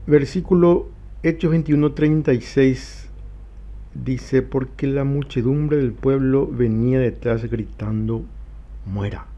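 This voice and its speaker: A man leading a church Bible study, reading scripture passages aloud slowly and then explaining them. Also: medium pitch, fairly even intonation, mellow, muffled recording. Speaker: pastor.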